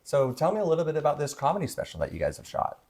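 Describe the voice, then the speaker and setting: A man hosting a mock-serious interview show, talking in a pompous, solemn, deadpan way. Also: on the high side, racing, gravelly. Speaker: mock podcast host.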